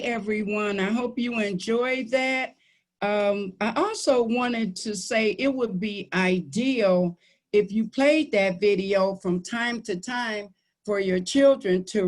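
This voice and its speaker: A woman giving an informal instructional presentation as a trainer, speaking over a video call. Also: mid-range voice.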